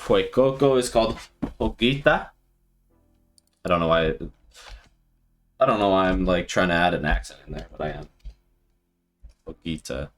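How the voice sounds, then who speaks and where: A man streaming live and thinking out loud with casual commentary, laughing often. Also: sits low, brisk, soft background music. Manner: thinking aloud, frequent laughter.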